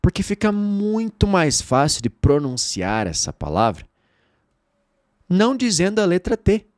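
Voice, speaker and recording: Lively Brazilian man teaching English. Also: high voice, dry recording, studio quality. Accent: Brazilian Portuguese. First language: Portuguese. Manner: lively, drills phrases slowly and repeats them. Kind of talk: online language lesson.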